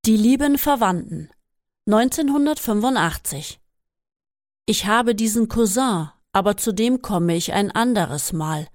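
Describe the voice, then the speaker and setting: A woman reading a first-person memoir aloud in a steady, measured way. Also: mid-range voice, no room sound, studio quality. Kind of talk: scripted first-person narration.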